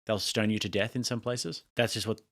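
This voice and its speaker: A man's voice: lowish voice, fairly even intonation, brisk, a bit bright. An Australian man hosting a casual reaction commentary, blunt and mocking, laughing at what he watches. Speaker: commentary channel host.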